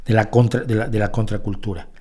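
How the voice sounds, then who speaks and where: Fairly low-pitched and darkish, this male host talks fast in a steady tone. He works through viewer questions in an offhand, rambling monologue marked by repeated restarts, self-corrections, and pointed opinions.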